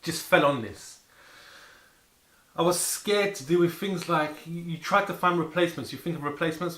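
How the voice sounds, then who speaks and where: Bright-voiced man in an echoey room. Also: a little high. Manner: animated, exclamatory, repeating words for emphasis. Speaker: vlogger presenting food to camera. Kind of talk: casual rambling food chat to camera. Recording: echoey room with faint background noise.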